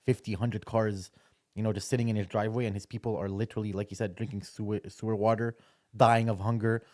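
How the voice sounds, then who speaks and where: A young man co-hosting a podcast, relaxed as he raises questions and talks loosely with lots of "like". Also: on the low side. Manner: relaxed, poses questions, fills with "like". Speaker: podcast co-host. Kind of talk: casual podcast discussion.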